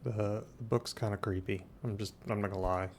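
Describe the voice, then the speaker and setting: Low-key gamer with a gravelly, creaky voice, man. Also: fairly even intonation, brisk, a little hiss or hum. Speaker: gamer commentating on own playthrough. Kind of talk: casual gameplay commentary.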